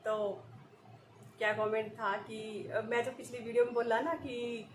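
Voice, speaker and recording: A woman's voice: a little high, level tone, a little slow. Giggly chatty woman in an echoey room. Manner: chatty, giggly, rambling storytelling. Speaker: vlogger. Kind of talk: casual chat to viewers. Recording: echoey room with faint ambient noise.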